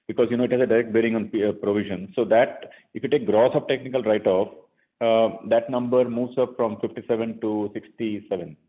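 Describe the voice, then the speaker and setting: A man's voice: on the low side, steady tone, brisk. A man with an Indian accent, a bank executive explaining figures conversationally on a conference call, often rephrasing as he goes. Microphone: phone conference line. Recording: thin phone-line conference audio.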